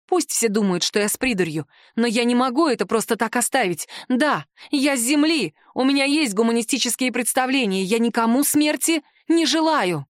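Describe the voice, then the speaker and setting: Expressive woman narrating an audiobook. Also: on the high side, moderate pace, few pauses, no room sound, studio quality. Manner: lively, expressive reading. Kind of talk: first-person fantasy audiobook narration.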